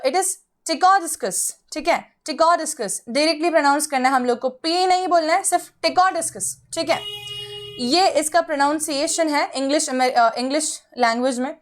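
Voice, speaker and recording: A woman's voice: high voice, moderate pace. A young woman with an Indian English accent teaching a biology lecture, mixing Hindi and English and explaining step by step to her students. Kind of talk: online exam-prep lecture.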